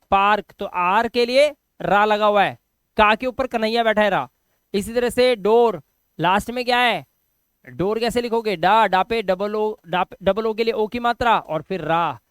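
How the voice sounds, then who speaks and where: A man's voice: sits high, fairly bright tone, smooth, dry recording, clean studio sound. A man with a Hindi accent teaching English spelling and pronunciation, spelling words letter by letter and answering his own questions. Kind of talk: spoken phonics lesson.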